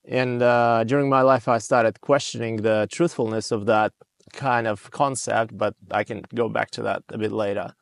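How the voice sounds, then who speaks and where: A man's voice: lowish voice, little pitch movement, moderate pace, creaky, no echo. Russian-accented man in his thirties, dry sound. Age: 30s. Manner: reflective, hesitant with frequent fillers. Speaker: podcast guest. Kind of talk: casual conversational storytelling.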